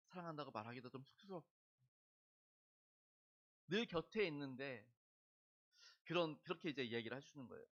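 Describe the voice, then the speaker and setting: A man's voice: on the high side, a bit bright, lo-fi sound. A middle-aged man preaching a sermon in a church, telling stories, acting out the voices in them and asking the congregation questions. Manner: storytelling, acting out voices in quoted dialogue. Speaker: pastor. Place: church sanctuary.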